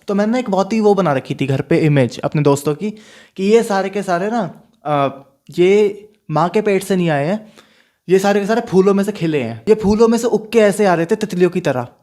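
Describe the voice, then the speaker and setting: A young man casually telling a story from his school days, animated, mixing in English phrases. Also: fairly high pitch. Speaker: storyteller vlogger.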